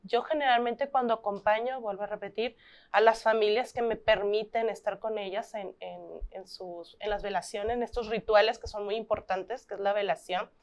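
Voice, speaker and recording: A woman with a Mexican Spanish accent, speaking as a guest in an interview, gentle and earnest, slowing down for emphasis. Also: mid-range voice. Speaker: thanatologist guest. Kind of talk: interview talk.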